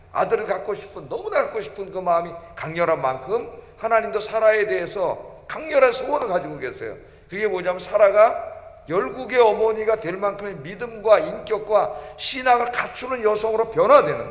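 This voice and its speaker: A man's voice: high voice, lively intonation, moderate pace. A male pastor preaching a sermon in a church, emphatic and often putting questions to his congregation. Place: church sanctuary. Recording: echoey church hall.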